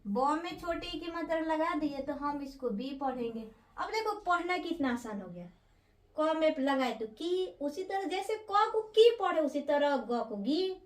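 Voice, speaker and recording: Very high-voiced woman teaching phonics. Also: roomy sound. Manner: patient, repeats each syllable slowly and drawn out. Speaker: primary school teacher. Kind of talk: slow spelled-out Hindi phonics lesson.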